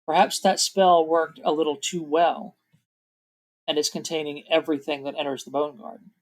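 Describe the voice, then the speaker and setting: A woman's voice: low-pitched, level tone, normal speed. A woman narrating as game master in a casual, chatty way, laughing often and restarting her sentences now and then.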